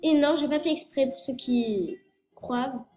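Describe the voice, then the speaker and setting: A woman's voice: high voice, unhurried, dark tone, soft background music. A girl in her early teens from France, rambling through a casual vlog with lots of fillers and self-corrections, her nose stuffed up from a cold. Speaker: youtuber. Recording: echoey room with faint noise.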